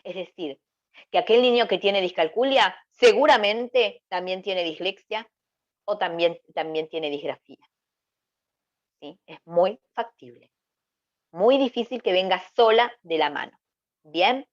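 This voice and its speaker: A woman lectures over slides at a middle pitch. She explains patiently, puts rhetorical questions to her students, and checks that they follow. The recording is a little dull and lo-fi. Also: unhurried, pauses often.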